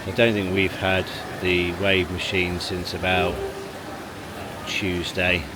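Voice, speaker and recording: A man whose voice sits low talks slowly with a flat delivery, rambling and chuckling as he vlogs for his family. The clip moves from an outdoor car park to a leisure pool and is shot handheld with loud background noise.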